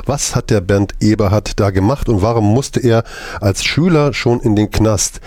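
A man's voice: on the low side, moderate pace, darkish tone, no room sound. A man hosting a studio interview in a conversational radio style, recapping and asking questions informally. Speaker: interview host.

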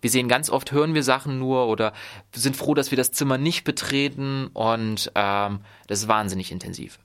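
A man's voice: mid-range voice, normal speed, a bit bright, clean tone. Rambling man talking about films. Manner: rambling, many fillers and restarts. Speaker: film reviewer. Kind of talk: casual podcast film talk.

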